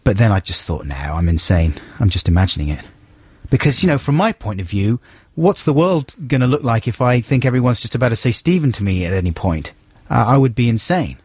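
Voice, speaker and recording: A man's voice: medium pitch, very animated, a little fast, a little mellow, slightly rough, no echo. A man co-hosting a radio show, rambling and self-mocking in casual chat. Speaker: radio co-host. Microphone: studio mic. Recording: dry studio sound.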